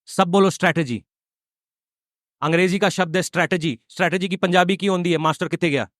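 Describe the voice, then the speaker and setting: A male pastor delivers a sermon in a high, sharp, forceful voice. He keeps firing questions at the congregation and stretches his cries out with fervour. The sound is dry and close. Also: steady tone, no echo. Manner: preaching with call-and-response questions to the congregation; builds to drawn-out, fervent cries.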